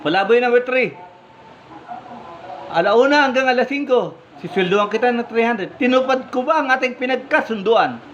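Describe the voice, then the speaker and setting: A man's voice: very high voice, expressive, a bit bright. A man playing a stern, fair vineyard owner. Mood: questioning. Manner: questioning, firm and deliberate. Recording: slightly muffled, faint background hum.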